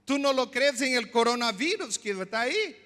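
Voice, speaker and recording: A male pastor preaching a sermon, explaining slowly, repeating words and asking the congregation questions. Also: extremely high pitch, very animated, bright, forceful tone, long reverb tail. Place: church.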